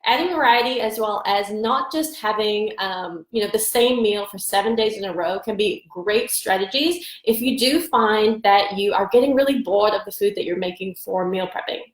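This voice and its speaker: A nutrition coach hosts a live stream on a phone or webcam, offering chatty, upbeat meal prep advice and greeting viewers by name. Congested from allergies, her stuffy mid-range voice moves at normal speed with hardly any pauses in a rough, echoey recording.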